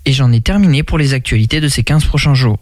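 Male radio host, mid-pitched, reading listings evenly. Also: fast, no echo. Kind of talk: reading announcements.

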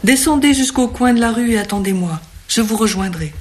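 A reader voicing an anxious woman innkeeper who speaks in hushed, pleading tones. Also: medium pitch, expressive, brisk, pitched above the performer's own voice, natural voice. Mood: fretful.

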